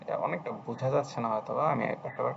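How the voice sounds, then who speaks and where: A man's voice: mid-range voice, racing, creaky, lo-fi sound, slight background noise. A man teaching a language lesson on a screen recording, patiently repeating phrases as he writes out each stroke. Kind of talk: screen-recorded lesson, writing while explaining.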